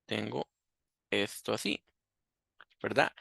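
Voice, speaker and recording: A man's voice: fairly low pitch, slow pace, creaky, a bit bright, dry recording, studio quality. A man teaching a coding lesson, thinking aloud and asking himself questions as he works. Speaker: programming teacher. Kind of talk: screen-recorded coding lesson.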